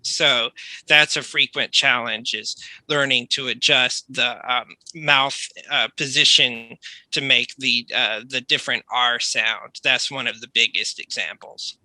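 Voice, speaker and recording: An American man, an accent coach, explaining things in a measured, polite conversational way. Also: mid-range voice, fairly even intonation, bright, forceful tone, no echo, rough recording. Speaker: accent coach, online tutor.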